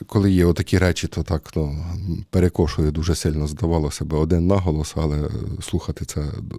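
Deep-voiced man giving a relaxed sermon. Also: no echo, clean studio sound. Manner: conversational, hesitant with many fillers. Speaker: priest.

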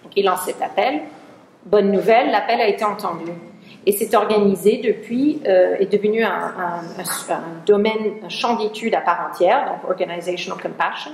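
A woman's voice: medium pitch, moderate pace, darkish tone, slight background noise. A woman researcher giving a conference talk in a lecture hall. She often searches for words and restarts her sentences. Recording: roomy hall sound.

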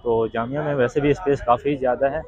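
Filming himself at arm's length while walking through city streets and a busy restaurant, a twenty-something vlogger narrates in a chatty, repetitive way. He talks fast in a medium, slightly mellow voice with fairly even intonation, captured as dull lo-fi phone audio over crowd chatter.

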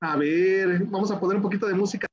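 A man, a teacher trainer hosting a children's event over a video call, talking in an animated, coaxing way and repeating himself. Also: high-pitched, quick pace, dull audio. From Mexico. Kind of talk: lively online workshop hosting.

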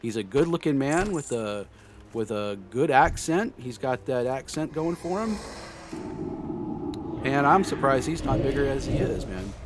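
A man from the United States chats casually with viewers during a live game stream, rambling with many fillers and restarts. His mid-range voice has lively intonation and an unhurried pace, with noise in the background.

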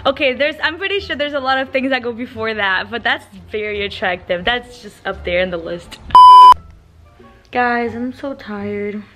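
A woman's voice: fairly high pitch, normal speed. Bubbly, chatty young woman vlogger. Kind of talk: casual vlog chat. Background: background music.

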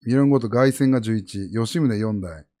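A man from Japan chatting casually with his viewers as a streamer, rambling and jumping from topic to topic. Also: fairly quick. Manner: rambling, animated, jumps between high and low pitch.

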